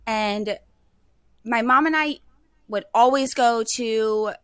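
A woman's voice: a little high, slow, fairly bright tone, clean tone, no room sound. A young adult woman, a podcast guest, telling a personal story in a chatty way full of "like". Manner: chatty, peppered with "like".

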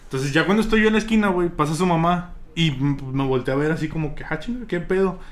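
A young man with a Mexican accent, telling friends a story in a casual, slang-heavy, animated way. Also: on the high side, fast. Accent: Mexican Spanish. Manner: vulgar slang-heavy, animated retelling with laughs.

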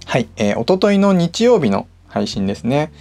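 Over music playing in the background, a middle-aged host talks chattily and casually to listeners on his personal audio show. His voice is on the high side, sing-song and gravelly with a darkish tone, moving at a moderate pace.

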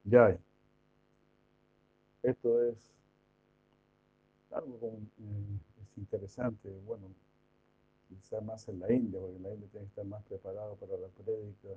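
A man's voice: on the low side, level tone, measured pace, pauses often. A man giving an informal devotional lecture, chatty, full of rhetorical questions and mock imitations. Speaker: devotional preacher. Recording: tinny phone-like sound.

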